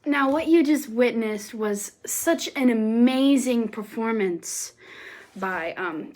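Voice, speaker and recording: Woman, homemade history explainer, high-pitched, goofy, slangy, lively delivery. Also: rough recording. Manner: playful and jokey, with slang asides; lively, with sudden loud bursts and drops to near-whispers. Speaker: presenter of a homemade history video.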